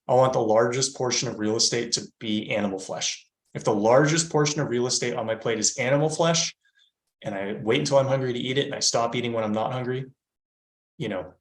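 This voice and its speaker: A man's voice: medium pitch, echoey room. A man in his thirties, a fitness coach talking in a podcast interview, explaining emphatically and checking in with "right?". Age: 30s.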